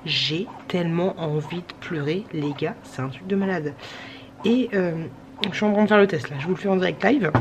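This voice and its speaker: Pumping breast milk at home late at night, a woman vlogger who is tired and a little sick talks casually to the camera. She has a medium-pitched, sing-song voice at normal speed, with long pauses, and rambles with plenty of fillers and restarts over the hum of the pump.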